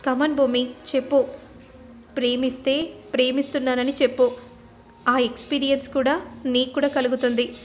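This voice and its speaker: A woman's voice: sits high, level tone, moderate pace, long pauses, close to an everyday voice. A woman voicing an earnest, lovesick young man who keeps pleading for an answer, in a retold serial story. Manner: pleading, insistent. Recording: dull lo-fi recording.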